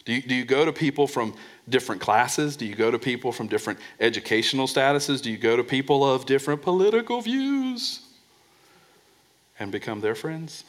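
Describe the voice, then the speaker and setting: With lively intonation and a brisk pace, a pastor presses points in his sermon, dropping soft and low on key words. He frequently restarts, repeating words along the way.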